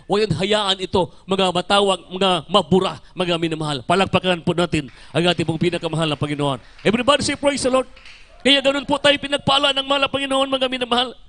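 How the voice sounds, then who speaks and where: High-voiced man preaching a sermon. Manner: repeats "mga minamahal" as a refrain, swings between loud proclamations and low murmurs.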